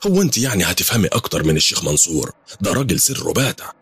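A man's voice: expressive, rapid-fire, a bit bright, husky, no echo, soft background music, full character voice. A man voicing a bossy, superstitious older mother who scolds, in an Egyptian accent. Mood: scolding. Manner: scolding, raised higher pitch.

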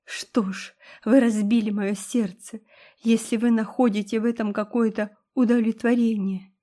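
A woman's voice: a little high, steady tone, moderate pace, mellow, natural voice. A woman voicing a melodramatic, self-pitying young woman who was jilted, speaking in a gushing, tearful, theatrical way. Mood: wounded.

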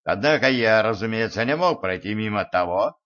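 A man reading an audiobook and voicing a scornful, cool-headed rich man who speaks slowly and mockingly. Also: on the low side, animated, fairly bright tone. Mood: explaining. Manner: mocking, unhurried, emphatic. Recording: muffled lo-fi recording.

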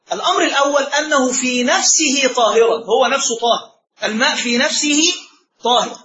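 A man's voice: very high voice, sharp tone. A man teaching a religious lesson as a sheikh, often checking with his listeners through rhetorical questions. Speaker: sheikh teaching Islamic law. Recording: roomy, dull lo-fi sound.

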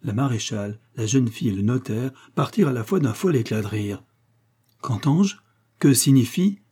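A man reading a classic novella aloud in an even, measured storytelling manner. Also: on the low side, slightly rough. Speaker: narrator. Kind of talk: audiobook reading of a 19th-century novella.

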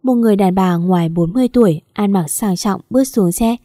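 Woman reading an audiobook, mellow voice, dry close mic. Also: medium pitch, brisk, no echo. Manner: even, storytelling. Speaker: audiobook narrator. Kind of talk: first-person story narration.

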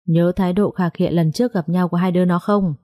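A woman's voice: on the low side, fairly even intonation, fast, dark tone, no room sound, clean studio sound, natural voice. A woman reading a blunt, exasperated young surgeon.

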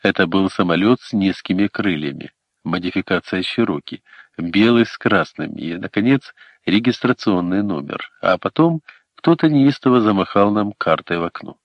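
Deep-voiced man narrating a story. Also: normal speed, dry recording. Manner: steady storytelling reading. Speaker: audiobook narrator. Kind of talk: scripted first-person narration. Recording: dull, dry lo-fi recording.

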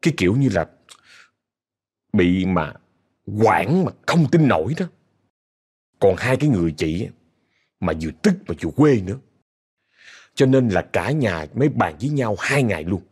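Male storyteller, Southern accent, chatty, directly addresses the audience, very expressive pitch. Casual oral narration. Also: moderate pace, long pauses, husky. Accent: Southern Vietnamese.

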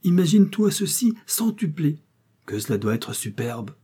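A man's voice: a little high, very animated, normal speed, mellow, breathy edge, pitched above the performer's own voice. A man voicing a hot-headed, proud young man who speaks vehemently and with solemnity.

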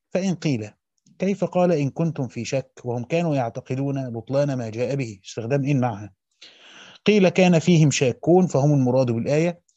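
A man, a teacher who reads a classical commentary quickly and breaks in with short colloquial asides. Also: mid-range voice, mellow, dry recording. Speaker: teacher of Quranic exegesis. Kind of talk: rapid reading of a classical text with brief explanations. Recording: dull, dry lo-fi recording.

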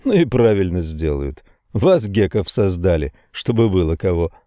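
A male audiobook reader voicing a calm, cynical colleague on a trading floor, speaking matter-of-factly. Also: mid-range voice, takes it slowly, dry recording, studio quality. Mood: melancholy. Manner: flat, matter-of-fact delivery.

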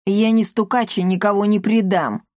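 A woman's voice: mid-range voice, steady tone, moderate pace, darkish tone, no echo, clean studio sound, natural voice. A woman voicing a proud, stubborn male tomcat who refuses to talk. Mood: haughty. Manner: haughty, stubborn.

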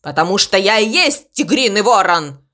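A woman's voice: medium pitch, big pitch swings, normal speed, a bit bright. A woman voicing a boastful male raven who pretends to be a tiger, growling and swaggering in a storybook reading.

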